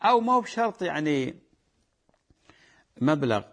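A man's voice: a little high, big pitch swings, normal speed, fairly bright tone. A man with a Gulf Arabic accent, an Islamic scholar answering callers' religious questions in a patient, explanatory way that repeats key points. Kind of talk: religious call-in Q&A.

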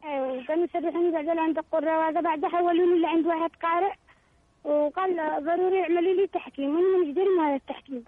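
A teenage girl from Yemen calling in by phone, halting and confused as she tries to explain her questions. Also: very high voice, fairly even intonation, no room sound. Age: teens. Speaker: caller. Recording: tinny phone line.

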